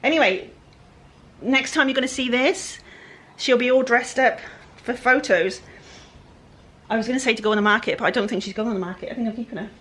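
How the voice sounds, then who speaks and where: A woman's voice: fairly high pitch, a little fast, fairly bright tone, slightly rough. Chatty West Country woman. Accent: West Country English. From England-Wales border, UK. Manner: chatty, rambling, self-deprecating. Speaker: furniture flipper. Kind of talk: casual DIY vlog narration.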